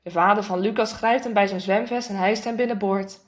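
A woman reading a children's storybook aloud in a lively way, acting out the characters' lines. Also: brisk. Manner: lively, voices the characters' lines with raised pitch. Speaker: narrator.

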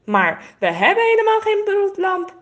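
A woman's voice: sits high, sing-song, normal speed, highs cut off, voice pushed up. A woman voicing an eager, caring young girl in a storybook reading.

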